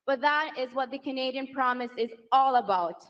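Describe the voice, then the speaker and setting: Holding a handheld mic, a high-pitched Venezuelan woman in her thirties introduces her political spouse with a heartfelt rally speech at normal speed. She climbs from soft, emotional passages to shouted, rousing applause lines over a big outdoor crowd, and the broadcast audio is a little dull.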